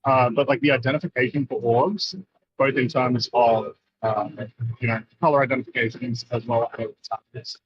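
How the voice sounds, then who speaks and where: A man talking in casual, rambling chat as a remote guest on a gaming stream, heard through noise suppression artifacts over loud background noise. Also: mid-range voice, fairly even intonation, moderate pace. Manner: rambling, lots of "like" and "uh". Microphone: remote call, no proper microphone. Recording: muffled remote call with noise reduction artifacts.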